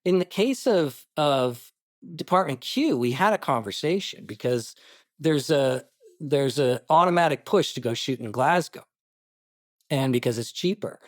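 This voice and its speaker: A man, a writer-director being interviewed, telling stories in an animated way with quick asides and restarts. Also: medium pitch, dry recording, studio quality. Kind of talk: casual interview talk.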